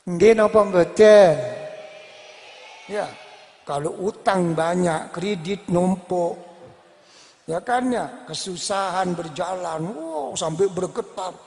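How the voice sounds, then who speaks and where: Slow, high-voiced preacher in a reverberant hall. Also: male voice. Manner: slow, emphatic preaching that drops low and soft to voice pleas and dialogue. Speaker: Islamic preacher. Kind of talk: sermon.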